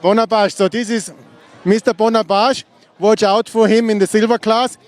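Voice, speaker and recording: A man's voice: sits high, fairly even intonation, normal speed. A man interviewing a rider outdoors at a race finish, asking patient, coaxing questions. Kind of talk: on-site interview.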